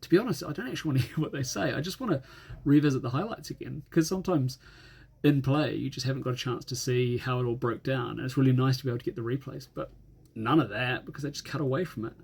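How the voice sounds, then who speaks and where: A man's voice: medium pitch, quick pace, vocal fry, a little mellow, husky. A middle-aged man with a New Zealand accent delivering a casual, exasperated, mildly sweary old-man rant in a grumbling way. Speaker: rugby fan.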